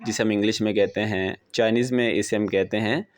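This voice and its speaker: A man teaching a beginner language lesson, explaining patiently and slowly repeating example words. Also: fairly low pitch, fairly even intonation.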